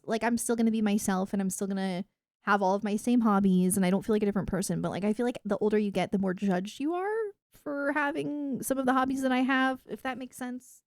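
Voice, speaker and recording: Recorded in studio quality without echo, this woman speaks in a fairly high voice. She's a video game livestreamer talking casually with her audience in an excited, emphatic gamer manner.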